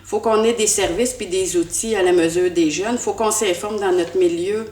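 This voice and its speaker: Speaking in an echoey room with a bit of hiss or hum, a middle-aged woman from Quebec, Canada, answers questions as a school board candidate in Québécois-accented French. Her mid-range, slightly mellow voice is fairly even in intonation at normal speed. She's earnest, repeating words as she searches, with frequent "euh" fillers.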